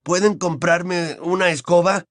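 A man's voice: high-pitched, fairly even intonation, a little slow, no room sound, studio quality, voice pushed up. Man voicing an earnest teenage wizard boy. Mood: hopeful.

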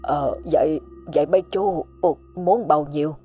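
A frightened poor old father who stammers and begs, as a woman puts him on. The voice sits low and husky, with a dark, mellow tone. Soft music plays under this ghost-story reading. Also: normal speed. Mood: pleading. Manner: stammering, pleading.

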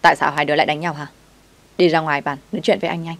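Scolding male restaurant boss, low-voiced, read by a woman. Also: steady tone, quick pace. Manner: barking, scolding. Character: angry middle-aged male restaurant owner.

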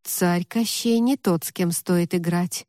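A calm, matter-of-fact young man, voiced by a woman narrator, unhurried and unruffled. The voice is mellow and dark, recorded close and dry. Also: mid-range voice, dry recording, natural voice. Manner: slow, unruffled delivery.

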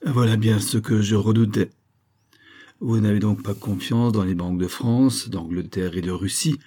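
A man's voice: lowish voice, fairly even intonation, normal speed, warm tone, lightly acted. Man voicing a fawning greedy merchant. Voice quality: trembling pleading voice. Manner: wheedling, lamenting, sugary. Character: greedy wheedling male merchant, whining, fawning. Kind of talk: audiobook character voice.

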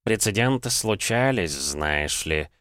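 A sardonic, dry-witted talking cat drawls each word slowly and with quiet mockery, as a man reading the audiobook puts him on. His voice is deep and smooth, set in a dry, close recording. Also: animated, dry recording, exaggerated voice. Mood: grudging. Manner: slow, low and dry, mocking. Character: sardonic talking castle-guardian cat, male.

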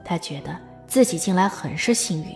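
A woman's voice: on the low side, lively intonation, moderate pace, faint music behind. A woman reading scripted narration as the narrator of a dramatised audiobook.

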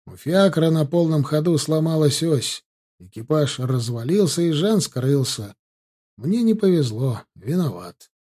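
A man reading a reserved, weary diplomat detective in an audiobook. His speech is clipped, with a warm, slightly husky voice. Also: a little high, lively intonation, a little slow. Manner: terse, weary.

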